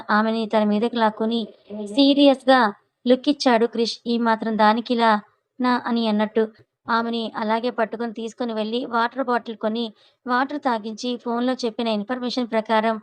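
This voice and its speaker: Woman narrating a story, flat and dry. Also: on the high side, no echo, rough recording. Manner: even, conversational reading.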